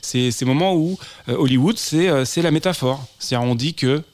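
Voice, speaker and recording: A man's voice: mid-range voice, fairly quick. A man commenting on film history in a casual chat, speaking enthusiastically with many restarts and repeated words.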